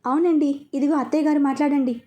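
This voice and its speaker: Woman as excitable mother, middle-aged, loud and high. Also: fast, natural voice. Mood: excited. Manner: excited, exclaiming.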